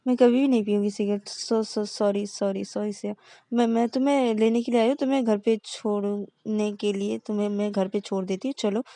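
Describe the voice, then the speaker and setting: A woman's voice: sits high, fairly even intonation, moderate pace, mellow, no echo, pitched above the performer's own voice. A woman voicing a young woman who pleads and apologizes, stammering and repeating words. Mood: pleading.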